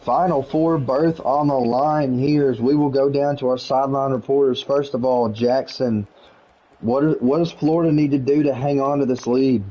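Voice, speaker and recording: A man calling play-by-play for a video game league, quick and jokey, rising to shouts on big plays. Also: mid-range voice, fairly even intonation, lo-fi sound. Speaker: play-by-play commentator.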